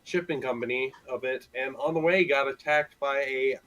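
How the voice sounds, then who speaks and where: A man's voice: mid-range voice, normal speed, a bit bright, dull audio. A man running a tabletop game as game master, recapping in a casual, rambling way with many fillers.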